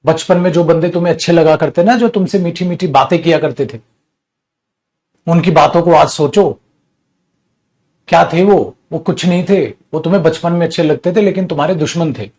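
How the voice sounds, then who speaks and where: A middle-aged man teaches an online grammar class from his studio, his voice sitting a little high. He lectures in a stern, earnest, scolding way, addressing his students directly as he talks into the camera mic. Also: moderate pace, darkish tone.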